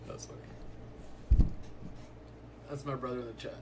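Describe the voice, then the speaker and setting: A young day trader chats on a livestream in a laid-back, rambling manner, sprinkling "like" throughout. His voice is mid-range, and heavy background noise runs under it.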